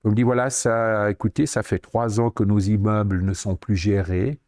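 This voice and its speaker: Lower-voiced Swiss French man in his 60s. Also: moderate pace. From Switzerland. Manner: lively anecdotes, acts out quoted dialogue. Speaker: podcast guest. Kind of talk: storytelling interview.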